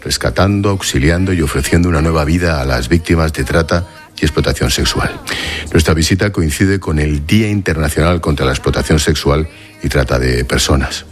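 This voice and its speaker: A man interviewing guests with direct, probing questions in a broadcast interview. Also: very deep voice.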